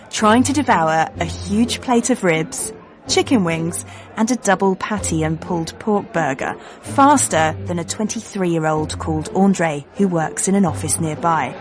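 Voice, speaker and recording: Female feature-radio host, low-ish voice, wry scripted narration. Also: a little slow, over music. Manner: wry, lightly playful script reading.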